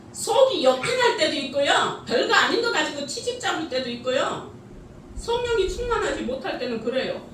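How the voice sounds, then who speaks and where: High, lively woman preaching in an echoey hall. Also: slight background noise. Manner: lively preaching with rhetorical questions and frequent laughter. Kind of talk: sermon. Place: church sanctuary. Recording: echoey church hall from a distance.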